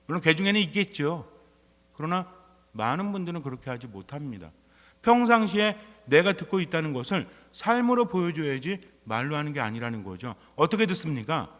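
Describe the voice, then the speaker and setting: Male priest, fairly high voice, chatty sermon full of questions, long church echo. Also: big pitch swings, fairly quick, fairly bright tone. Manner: conversational preaching full of rhetorical questions.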